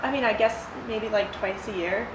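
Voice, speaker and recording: Speaking at normal speed in a medium-pitched voice, a young adult woman vlogs alone, answering viewers' questions frankly and informally. She's in an ice bath outside, possibly sheltered, possibly in the rain, and the audio is echoey with distinct background noise.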